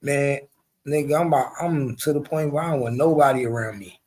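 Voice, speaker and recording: A man in his 40s hosts a casual chat, his voice medium in pitch and fairly quick. He tells stories bluntly and animatedly, swearing a lot.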